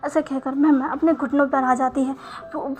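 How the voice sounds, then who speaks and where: A woman's voice: high voice, flat delivery, normal speed. A woman narrating a romance fan story in a casual way, with small restarts.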